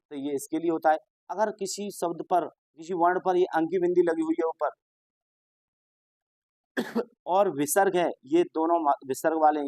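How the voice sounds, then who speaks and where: A man's voice: on the high side, warm tone, dry recording. Male teacher for an exam-prep lesson: patient, explanatory, keeps repeating reminders and answers his own questions, dry recording.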